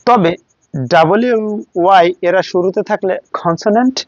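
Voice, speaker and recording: A man with a Bangladeshi accent teaching English letter pronunciation, repeating each letter slowly in a classroom style. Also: sits high, no room sound. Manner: slow, drilling letters one by one. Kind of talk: classroom lesson. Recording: dull, dry sound.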